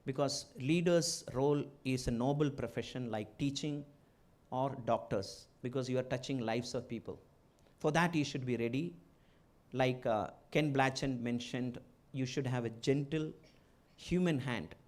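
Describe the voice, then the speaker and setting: A man's voice: medium pitch, measured pace, darkish tone. A middle-aged man from India with a strong Malayali accent, giving a motivational address to students as a guest speaker, in short emphatic phrases with repeated key words. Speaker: guest speaker, entrepreneur and former chief executive.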